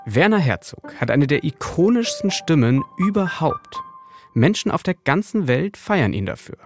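A man's voice: a little high, big pitch swings, normal speed, music in the background. A man hosting a podcast, delivering scripted narration with casual asides and informal slang peppered with English loanwords. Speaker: podcast host, journalist.

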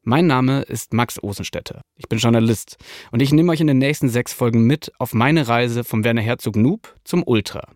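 A man's voice: mid-range voice, moderate pace, darkish tone, no echo, clean studio sound. A man hosting a podcast, delivering scripted narration with casual asides and informal slang peppered with English loanwords. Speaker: podcast host, journalist.

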